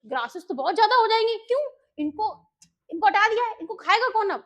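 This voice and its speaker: Super high voice woman teacher, indian english, chatty revision class, keeps asking then answering herself. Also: fast talker, lo-fi sound. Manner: lively, chatty, mixes Hindi and English, asks and answers her own questions. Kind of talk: exam revision lesson.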